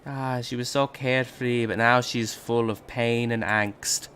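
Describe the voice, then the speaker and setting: A man's voice: mid-range voice, steady tone, measured pace, fairly bright tone, a little hiss or hum. A man streaming a video game, making joking, profane asides over the dialogue. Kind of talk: casual game commentary.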